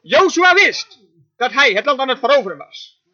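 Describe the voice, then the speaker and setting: Man, very high sharp voice, emphatic dubbed sermon interpreter, dull lo-fi audio. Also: very animated, normal speed. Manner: emphatic preaching, frequent amens.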